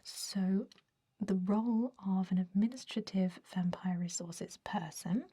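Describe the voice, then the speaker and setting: In an ASMR roleplay, a woman whispers as a fussy, centuries-old vampire recruiter, her mid-range voice dark and husky at a measured pace. Her manner is hesitant and politely dismissive, with a discouraging, matter-of-fact mood.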